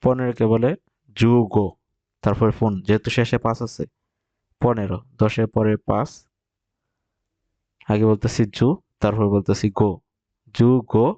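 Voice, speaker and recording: Low, mellow-voiced man teaching slowly. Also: flat delivery, dry recording, lo-fi sound. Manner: explains step by step, repeats example phrases slowly. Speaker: Japanese language teacher. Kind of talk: recorded vocabulary lesson.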